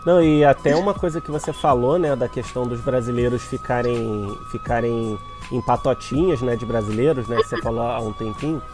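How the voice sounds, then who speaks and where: A man hosting a podcast, chatting casually with a guest in a relaxed way. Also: mid-range voice, a little fast, hardly any pauses, music in the background. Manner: relaxed, reacts with short affirmations. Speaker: podcast host. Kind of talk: casual interview chat.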